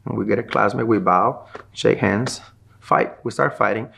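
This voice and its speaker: A middle-aged man with a low, husky voice tells a story from his past as a martial arts instructor being interviewed. His voice has a gravelly rasp. He acts out the people he quotes as he goes. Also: normal speed, pushed and bright. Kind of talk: recounting a personal story in an interview.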